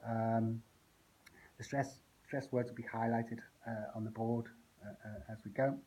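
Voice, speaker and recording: A man, an English language teacher, talking through the plan and rationale for a lesson, unscripted and thinking aloud with frequent pauses. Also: medium pitch, little pitch movement, warm tone, a little hiss or hum, low-quality recording.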